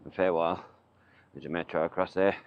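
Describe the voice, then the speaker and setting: A man's voice: low voice, steady tone, a little fast, clear, resonant tone. A man with an Australian accent, muffled by a face mask, rambling casually as he films a walking vlog outdoors. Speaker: vlogger. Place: outdoors, walking along town streets. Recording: muffled, dull audio with faint outdoor noise. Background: faint outdoor ambience.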